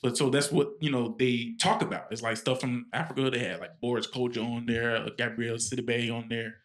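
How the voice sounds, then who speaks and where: A man's voice: medium pitch, steady tone, fairly quick. Rambling male podcast co-host. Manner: rambling storyteller, many fillers and restarts. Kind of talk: casual podcast chat.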